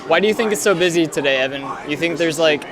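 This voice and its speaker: Walking through a crowded outdoor theme park, a man hosts a vlog in a fairly high voice at a quick pace. He explains things in a relaxed, tour-guide style over loud crowd noise.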